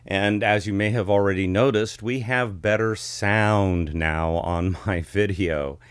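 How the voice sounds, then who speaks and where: Older-middle-aged guy doing a casual vlog, deep voice, dry and warm vintage ribbon mic sound. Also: a little slow, clean tone, dry recording. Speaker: vlog host. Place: small home studio with curtain backdrop. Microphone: studio ribbon microphone close in front.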